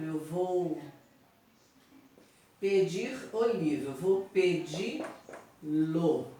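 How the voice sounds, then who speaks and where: A woman's voice: on the low side, a little mellow. A Brazilian Portuguese woman teaching grammar in an online lesson, explaining patiently, repeating examples and checking in with "tá?". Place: small room at home with a whiteboard. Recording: echoey room, mic at a distance, faint noise.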